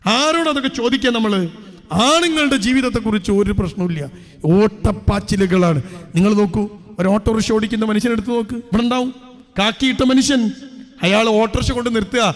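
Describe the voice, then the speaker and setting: Male Islamic preacher, high voice, lecturing with rhetorical questions, echo from a large hall. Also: fast. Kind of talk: public religious speech.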